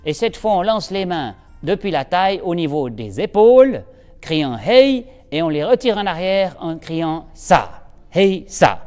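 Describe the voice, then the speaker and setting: A man teaching an aikido class, guiding breathing with calm, steady cues and giving brisk instructions. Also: high voice, clear, resonant tone, long reverb tail, faint music behind. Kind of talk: instructional demonstration.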